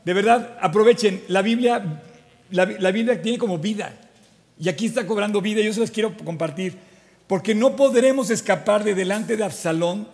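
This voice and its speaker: A man preaches in a high, bright-edged voice. He reads scripture aloud and retells it with animated asides and frequent restarts. His voice carries a long reverb, as if from a church hall. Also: moderate pace, gravelly. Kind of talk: sermon with Bible reading.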